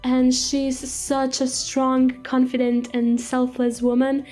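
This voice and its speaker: Young woman, high and mellow voice, chatty game voice-over. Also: monotone, takes it slowly. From Croatia. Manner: chatty and upbeat, with frequent small laughs. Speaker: Sims builder and channel host. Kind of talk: casual gameplay voice-over.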